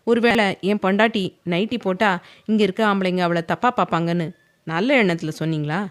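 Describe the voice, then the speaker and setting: A woman's voice: medium pitch, a little fast, natural voice. A woman voicing a stern, teasing, possessive young husband in an audio novel, reading his lines firmly. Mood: sarcastic.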